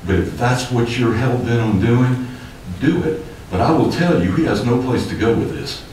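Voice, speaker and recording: In a mid-range, slightly mellow voice, an older developer makes an expressive public comment at normal speed from a city hearing podium, emphatic and gesturing as he grows heated. The indoor commission chamber is echoey, the podium mic distant, with slight background noise.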